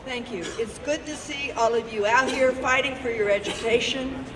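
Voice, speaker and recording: A woman's voice: on the high side, normal speed, reverberant. A middle-aged woman, a faculty member, gives an impassioned protest speech at an outdoor campus rally, speaking into a handheld mic. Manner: impassioned, rousing oratory. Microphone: handheld mic through a PA speaker. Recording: distant PA sound outdoors with noise.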